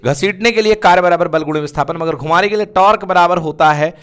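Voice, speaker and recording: High-voiced man drilling physics terms. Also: quick pace, fairly bright tone, smooth. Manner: call-and-response, asks and answers his own questions; colloquial and repetitive, drilling key terms. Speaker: physics teacher. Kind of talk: fast revision lecture.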